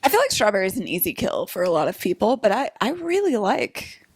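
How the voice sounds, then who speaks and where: A woman's voice: medium pitch, very animated, brisk, breathy edge, no room sound. A young woman co-hosting a podcast, chatting playfully and giggling often. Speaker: podcast co-host. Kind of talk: casual chat.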